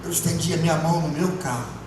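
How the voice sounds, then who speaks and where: A man, a pastor, giving an emotional testimony sermon, moving between hushed and loud. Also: on the high side, steady tone, fast talker. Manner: impassioned, swinging from hushed to loud. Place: church. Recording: echoey church hall from far off, music behind.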